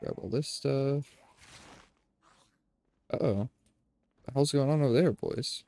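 Speaking slowly in a creaky, mid-range voice with a nasal quality, a young man comments casually on his gameplay. He's a gaming streamer at home indoors, using a headset, and he talks to his audience as "boys" in a relaxed manner.

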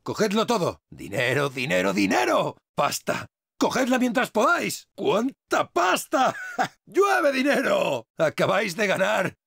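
A man with a Castilian Spanish accent voicing a tough, foul-mouthed male survivor in a video game, with barked combat shouts and crude wisecracks. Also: sits high, sing-song, moderate pace, gravelly, husky, no echo, studio quality, exaggerated voice. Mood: alarmed. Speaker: game voice actor. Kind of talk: video game dub lines. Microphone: dry studio dubbing mic.

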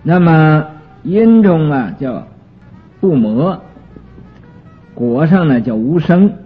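A man lecturing on a Buddhist sutra in a slow, unhurried way, his husky voice rising and falling with lively pitch. He explains each term patiently and stretches out fillers between phrases. The recording is thin and phone-like, with faint music in the background. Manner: explains terms slowly with many drawn-out fillers.

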